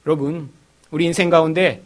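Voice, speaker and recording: A pastor preaching a sermon, animated and addressing the congregation often, with quiet asides between bursts of emphasis. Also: male voice, a little fast. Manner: animated preaching, voices the Bible's figures with sudden pitch jumps.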